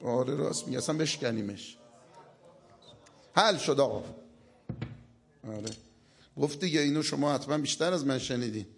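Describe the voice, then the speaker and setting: A man's voice: medium pitch, vocal fry, long pauses, breathy edge. A man giving a humorous religious lecture on stage before a live audience. He tells jokes and stories and acts out the people he quotes. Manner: joking storyteller who acts out quoted people.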